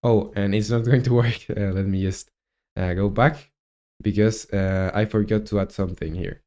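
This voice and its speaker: A game developer in his twenties with a Chilean Spanish accent talks through his coding on a live stream, thinking aloud haltingly with many fillers. His voice is on the low side, steady and mellow.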